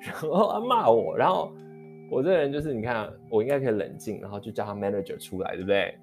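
A man, telling a heated anecdote in a storytelling vlog, quick and rambling with many restarts. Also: mid-range voice. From Taiwan. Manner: animated, heated retelling of an anecdote. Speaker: vlogger. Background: faint guitar music.

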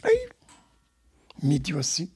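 A man's voice: on the high side, wildly swooping pitch, slow, a little mellow. A man in his sixties from Brazil with a São Paulo Portuguese accent, a samba school director telling stories in a rambling way with many repeats and tag questions. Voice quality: gravelly and husky. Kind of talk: storytelling interview.

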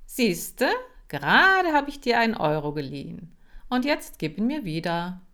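A woman voicing a cool, self-assured young girl who gives calm, firm orders. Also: fairly low pitch, unhurried, full character voice. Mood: mocking. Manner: firm, calmly commanding.

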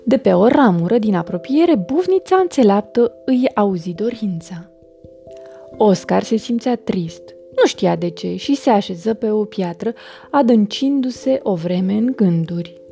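Brief: soothing bedtime storyteller, woman, mellow dark tone, soft music under. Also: medium pitch, expressive, vocal fry. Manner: gentle, soothing. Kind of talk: bedtime story reading for children.

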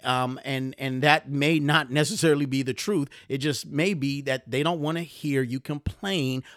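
Animated man giving podcast career advice. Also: mid-range voice, normal speed, no room sound, clean studio sound. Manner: animated, gets riled up, mimics complainers. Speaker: podcast host. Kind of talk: motivational podcast talk.

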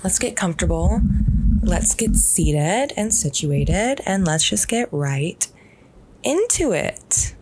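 A young woman hosting a casual solo podcast from bed at home, talking in a relaxed, rambling way with many fillers. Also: lowish voice, slow. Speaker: podcast host. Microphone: podcast microphone.

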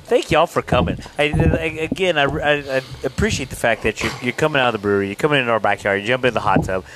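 Mid-pitched, enthusiastic male podcast host, outdoor recording with audible noise. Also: fast talker. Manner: enthusiastic, food-loving talker. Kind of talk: casual podcast chat. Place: outdoor backyard hot tub. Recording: backyard recording with clear noise.

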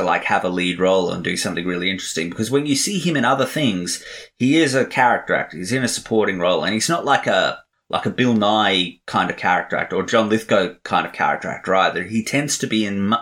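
A podcast co-host chats about movies, giving loose, opinionated reviews stuffed with fillers during the recording. He talks fast in a low voice with a bit of brightness.

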